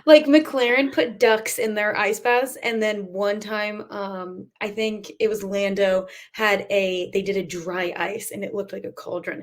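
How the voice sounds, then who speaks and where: A woman co-hosting a chatty podcast, full of bubbly enthusiasm. She talks casually and breaks into laughs easily. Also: medium pitch. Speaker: podcast co-host. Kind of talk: casual chat.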